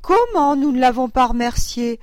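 A woman's voice: high-pitched, lively intonation, normal speed, darkish tone, no echo, voice pushed up. A prim old aunt from a period novel, her voice a little raised and pleased with itself, as a woman reader does her. Her speech is delicate and self-satisfied, heard close and dry.

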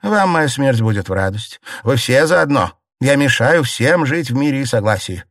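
A man's voice: medium pitch, sing-song, moderate pace, dry recording, clean studio sound, pitched above the performer's own voice. A man voicing a bitter imperious young noblewoman. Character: proud sharp-tongued young noblewoman, mistress of house.

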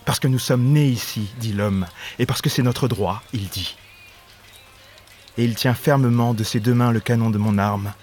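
A man's voice: mid-range voice, moderate pace, close to an everyday voice. A man playing a cold, insistent armed man. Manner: flat, insistent repetition, shouts quoted lines. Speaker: stage actor. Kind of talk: theatrical monologue.

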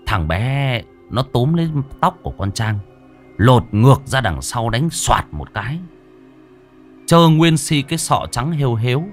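A man narrating a horror story in a vivid, theatrical, gory way. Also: fairly low pitch.

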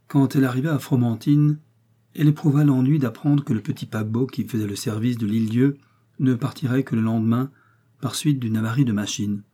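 A man reading an old fairy-tale novel aloud with a steady literary delivery. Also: medium pitch, breathy edge. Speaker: audiobook narrator. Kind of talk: storybook narration.

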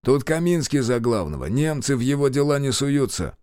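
A man's voice: mid-range voice, sing-song, darkish tone, dry recording, studio quality, pitched above the performer's own voice, close to an everyday voice. A man reading as a bitter, weary war pilot. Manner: slow, gruff, bitterly candid. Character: weary wounded middle-aged male pilot, bitter.

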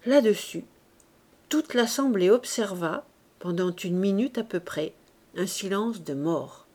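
A woman reads a classic story aloud at an unhurried, deliberate pace. Her pitch sits in the middle range. She narrates steadily and voices the characters' exchanges as she goes. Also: animated, darkish tone. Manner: slow, measured reading with voiced dialogue. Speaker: audiobook reader. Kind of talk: scripted narration.

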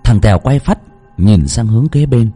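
Husky low guy telling a spooky story, very up and down delivery, soft music behind. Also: moderate pace. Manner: expressive, suspenseful. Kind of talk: dramatic ghost story narration. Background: soft background music.

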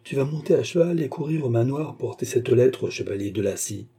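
A male reader voicing an old baroness, fussy and romantic, who gives brisk, imperious orders and swears when roused. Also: mid-range voice, lively intonation, vocal fry, warm tone, husky. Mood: commanding.

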